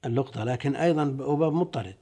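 Mellow guy sheikh reading old commentaries, slow and careful, stretches words. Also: mid-range voice, slightly rough. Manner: deliberate, stretches key words while explaining. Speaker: sheikh teaching a text. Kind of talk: classical lesson, reading and explaining commentaries.

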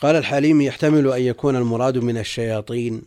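A man's voice: medium pitch, rapid-fire, darkish tone. A middle-aged man speaking as a religious scholar, reading and explaining commentary in mostly formal Arabic with colloquial asides, repeating key phrases. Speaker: religious scholar, guest on the program.

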